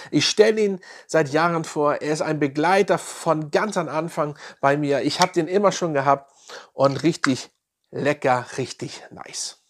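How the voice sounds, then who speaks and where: A man talks through perfumes one after another in a loose, excited vlog manner. His voice sits fairly high for a man, and he keeps gushing with the same slangy praise words. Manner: enthusiastic, repeats slang praise like "nice" and "geil". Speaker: fragrance reviewer. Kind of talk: casual product review.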